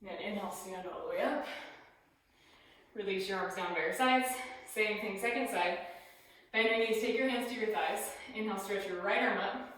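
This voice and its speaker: A woman leading a yoga class, giving calm step-by-step cues and sounding a little out of breath as she moves through the poses. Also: medium pitch, normal speed. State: slightly out of breath. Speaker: yoga instructor. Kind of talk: guided yoga class instruction. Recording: very echoey room.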